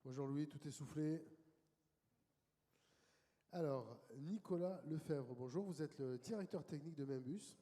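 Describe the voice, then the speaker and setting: A man moderating a conference session, introducing speakers in a lively, welcoming way. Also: fairly high pitch, measured pace, long pauses. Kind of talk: event moderation. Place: conference hall. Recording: conference hall reverb.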